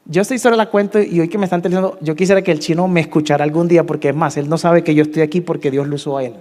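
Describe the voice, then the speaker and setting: A man in his thirties with a Colombian Spanish accent, telling his testimony in a sermon, swinging between hushed confession and emphatic peaks. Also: fairly even intonation, racing, big-room sound. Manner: emotional storytelling, dropping to hushed tones and rising to emphatic highs. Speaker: preacher.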